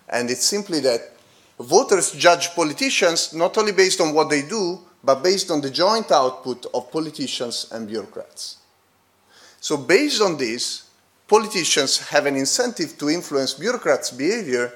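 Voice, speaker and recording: A fairly high, bright-toned male voice with a foreign accent delivers a research paper in a conference hall. He stumbles through fillers and restarts, addressing the audience directly and repeatedly asking "okay?".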